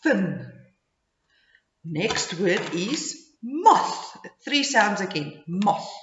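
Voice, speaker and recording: A woman phonics teacher talks to young children in simple instructions, extremely slowly, with exaggerated modeling of each sound. Her pitch moves in an animated way, and the recording has a clear room echo. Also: a little hiss or hum. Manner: slow, exaggerated speech modeling, repeating words and sounds. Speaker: early-grade phonics teacher. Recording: dull, echoey room sound.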